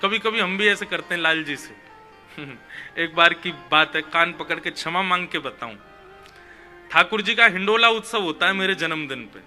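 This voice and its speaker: A man telling a devotional story in a lively, animated way, putting on the voices of the figures in it. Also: on the high side, moderate pace, faint music behind. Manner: animated, voices the figures in his tale, chuckles.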